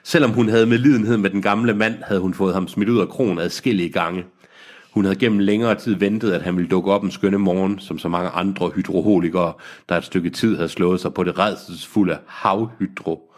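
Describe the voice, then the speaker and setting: A man's voice: deep voice, fairly even intonation. A man reading a novel aloud on a podcast, breaking off to joke and laugh about the text. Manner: laughing, mocking the text as he reads. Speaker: reader of a novel on a comedy podcast. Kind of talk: reading aloud with joking asides.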